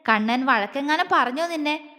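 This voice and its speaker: A woman's voice: high-pitched, expressive, normal speed, pushed and bright, long reverb tail. A woman voicing a tender middle-aged father-in-law who coaxes a crying girl. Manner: tender, coaxing.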